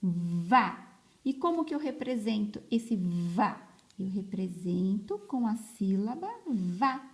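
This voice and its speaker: A very animated woman with a medium-pitched voice teaches an early literacy lesson to children. She slowly stretches each word and repeats every syllable with emphasis. The clip was recorded on a phone.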